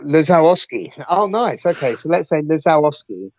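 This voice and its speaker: A man's voice: medium pitch, moderate pace, no room sound. A man co-hosts a podcast in a casual, emphatic way and stumbles over his opening words. The sound is dry and a little dull. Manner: emphatic, stammers at starts. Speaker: podcast co-host. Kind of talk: casual chat.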